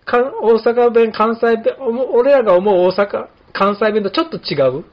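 A man's voice: very high voice, normal speed. A man in his late fifties from Kumamoto, hosting a casual chat and telling stories with many fillers. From Kumamoto, Japan. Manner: relaxed storytelling with many fillers. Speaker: podcast host, barber. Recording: slightly dull lo-fi audio.

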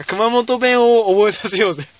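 A man's voice: high voice, moderate pace, a crowd in the background. A young man in his late teens with a Kumamoto accent, hosting a casual chat, laughing often and teasing his friends. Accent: Kumamoto Japanese. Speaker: host.

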